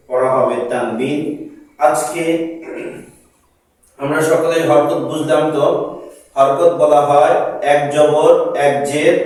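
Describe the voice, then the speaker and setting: A man with a Bangladeshi Bengali accent teaching Quran reading, chanting Arabic letters and vowel marks in a slow sing-song drill and explaining them. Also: fairly high pitch, darkish tone. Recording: echoey room, voice from a distance.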